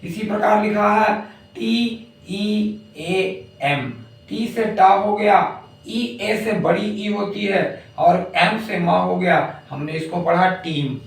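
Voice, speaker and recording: Slow echoey male phonics teacher. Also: high-pitched, fairly even intonation, gravelly. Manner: slow, spells words letter by letter. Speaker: English teacher. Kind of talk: phonics lesson. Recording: echoey room, distant mic.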